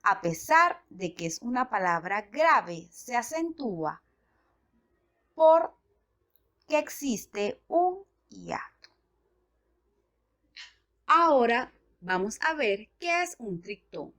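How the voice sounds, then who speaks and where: Slow, deliberate female teacher. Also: on the high side, big pitch swings, a bit bright. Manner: slow, deliberate, spelling out examples. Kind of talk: educational lesson narration.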